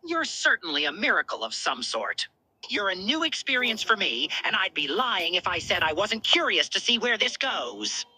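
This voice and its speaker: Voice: mid-range voice, sing-song, normal speed, sharp tone, husky, exaggerated voice, low-quality recording. A performer voicing a smitten, confident alien commander from a cartoon fan dub, articulate and wry. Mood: fond, curious.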